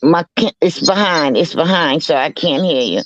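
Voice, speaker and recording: A woman on a live-stream call making a slow, earnest announcement while her voice echoes back with repeated phrases. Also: low-pitched, animated, crowd noise. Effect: her voice echoes back with repeated phrases through her call line. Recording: dull, lo-fi call audio with echo.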